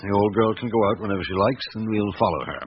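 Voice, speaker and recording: An actor playing a patient, world-weary middle-aged chief inspector in a radio drama, speaking in a measured, understated way. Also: male voice, lowish voice, close to an everyday voice. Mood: weary, businesslike. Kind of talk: radio drama acting with interior monologue narration. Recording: dull, noisy old radio broadcast recording.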